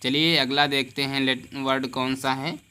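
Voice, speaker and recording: A man's voice: medium pitch, little pitch movement, pushed and bright, smooth. A man teaching a lesson on English words, asking the class questions and answering them himself. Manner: repeats key words slowly and deliberately. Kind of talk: classroom lesson explaining word rules.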